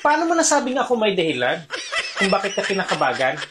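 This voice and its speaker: A woman's voice: medium pitch, sing-song, fast. A Filipino woman in a comedy skit, firing back exasperated, laughing retorts. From Philippines. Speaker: vlogger. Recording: loud noise behind.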